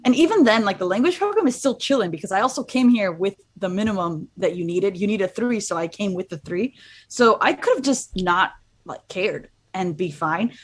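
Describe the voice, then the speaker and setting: Speaking fairly quickly with lively intonation at a medium pitch, a young woman from Miami, USA, rambles through a casual chat as a guest. She's a student abroad and leans heavily on "like" and other fillers.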